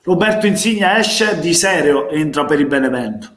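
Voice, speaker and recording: A man with a Neapolitan accent, a passionate football fan calling a live match, going hoarse as he shouts encouragement. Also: on the high side, expressive, normal speed, echoey room. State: losing his voice. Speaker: fan streamer doing live match commentary. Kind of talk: excited live football watch-along commentary.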